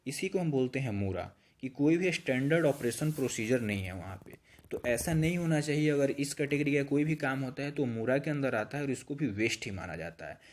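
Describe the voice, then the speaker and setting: A man's voice: medium pitch, lively intonation, brisk. A man with a Hindi accent giving a patient, explanatory lesson to his channel, walking through each idea with everyday examples. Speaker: YouTube instructor.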